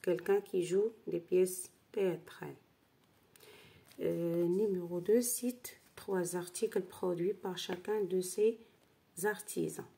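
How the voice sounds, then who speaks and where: Woman teacher, very slow delivery, dark husky voice, going step by step through exercises. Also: fairly low pitch. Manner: spells out syllables, checks in with d'accord. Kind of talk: slow worksheet lesson.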